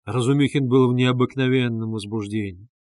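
A male audiobook narrator reading a classic novel in a measured, even way. His voice sits in an ordinary middle pitch, recorded close and completely dry. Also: no echo. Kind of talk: scripted literary narration. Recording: dry close studio sound.

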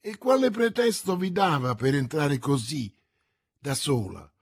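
A stern elderly cardinal, as a man puts him on, questioning slowly and with cold authority. The voice is husky and breathy, with wide swings of pitch. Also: animated, heavily acted. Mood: interrogating. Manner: stern, probing, deliberate.

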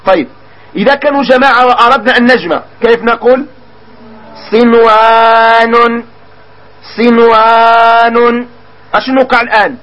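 A man with a Moroccan Arabic accent teaches a grammar class in a very high voice. He keeps asking the students questions and drags out example words slowly. The recording is dull and lo-fi. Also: fairly bright tone.

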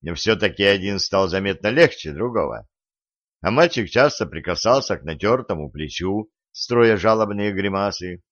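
Guy narrating an audiobook, low pitch, dry close sound, kinda muffled. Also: expressive, moderate pace, a bit bright, no echo. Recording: dull lo-fi recording.

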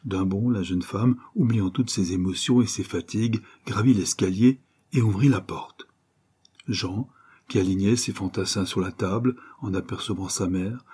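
A man narrating an old serial novel as an audiobook, in a measured, steady delivery. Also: on the low side, breathy edge. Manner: measured, slow chapter headings.

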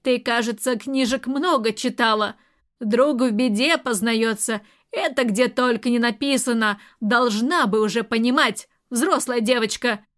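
A woman's voice: fairly high pitch, a little slow, fairly bright tone. Woman reading as a sarcastic, lecturing stern aunt. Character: stern sharp-tongued aunt, middle-aged woman. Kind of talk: audiobook character reading.

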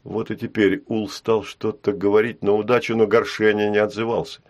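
Low-pitched man, narrates a fantasy audiobook, even and measured. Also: highs cut off.

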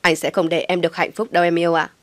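A woman voicing a cruel, sneering young father who taunts and threatens in a harsh, loud voice. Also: lowish voice, level tone, rapid-fire, no echo, close to an everyday voice. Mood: menacing.

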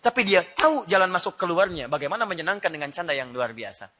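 Male preacher, bright tone, animated, jokey, addresses the crowd directly. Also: sits high, fast. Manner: animated, joking with the audience, rising to loud laughing emphasis. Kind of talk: Islamic sermon.

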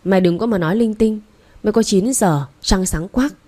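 A woman reading aloud voices a gruff older mother-in-law who scolds curtly. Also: fairly low pitch, expressive, brisk, warm tone. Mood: scolding. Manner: scolding, curt.

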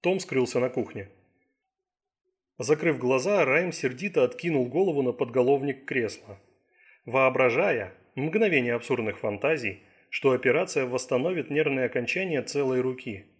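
A man narrating an audiobook thriller in a steady, measured reading. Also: medium pitch, husky. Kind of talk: scripted narration.

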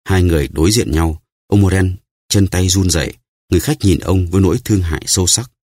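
A man narrating an audiobook in a steady, even storytelling manner. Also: low-pitched, fast, no echo, clean studio sound.

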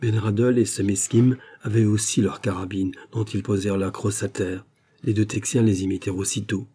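A male audiobook narrator reads plain scripted narration at a moderate, steady, measured pace. His husky, dark voice is pitched somewhat low and holds a steady tone.

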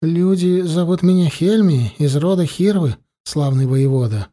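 A man's voice: on the high side, a little slow, warm tone. A man voicing a frightened teenage boy who stammers and falters as he answers.

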